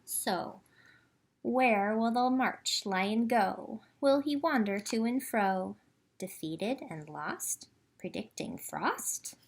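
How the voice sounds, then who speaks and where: Her voice on the high side and her pace slow, a woman hosts children's storytime at the library, with a slight hiss or hum audible. She reads and chats in simple, expressive phrases directed at the young listeners.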